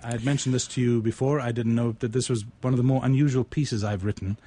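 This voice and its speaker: This poet and co-host has a dark-toned, medium-pitched male voice that is fast with fairly even intonation. He moves between casual conversation and poetry recitation, sounding reflective and theatrical, with ornate wording.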